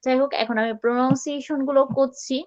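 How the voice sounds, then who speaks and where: A fairly high-voiced woman leads a live online English class, talking casually and saying words slowly, over and over, for students to copy. Her voice comes through a dull, lo-fi connection. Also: fairly even intonation. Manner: chatty, repeats words slowly to model pronunciation. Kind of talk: live class teaching pronunciation.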